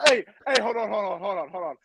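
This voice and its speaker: A man's voice: sits high, animated, fast talker, creaky, a bit bright, low-quality recording. A man trash-talking a rival on a wrestling podcast, brash and repeating himself, tossing out "bro" and "y'all". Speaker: indie wrestler, guest.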